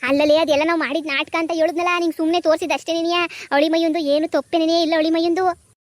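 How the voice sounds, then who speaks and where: A woman playing an older village mother who coaxes and soothes in a high, quick cartoon voice. The recording is close and dry. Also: level tone, no room sound. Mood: coaxing. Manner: coaxing, pleading to keep the peace.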